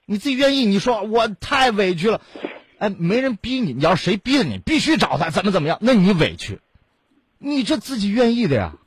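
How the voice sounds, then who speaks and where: A man with a very husky voice lectures a caller on a call-in advice show. He talks bluntly and fires rhetorical questions, his pitch swinging up and down a lot. The sound is close and dry. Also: huge pitch swings, quick pace, dry recording. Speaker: radio advice host.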